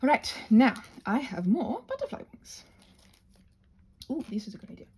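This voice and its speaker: Pitched high and swooping wildly, a slightly mellow, breathy female voice moves at a normal speed. The woman, a craft video maker, demonstrates butterfly wing prep on a phone recording, meandering dramatically and cutting herself off to talk to herself and her supplies.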